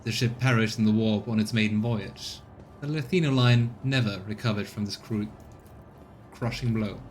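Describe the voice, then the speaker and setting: A man's voice: fairly low pitch, moderate pace, slight background noise. A man doing a let's play, switching between casual commentary and reading the game's narration aloud. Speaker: let's player and streamer.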